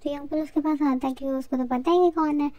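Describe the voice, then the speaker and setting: High-voiced woman casually retelling a drama. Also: fairly even intonation, brisk, mellow. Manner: chatty, informal, mixing in English words. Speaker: drama recap narrator. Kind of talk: casual storytelling recap.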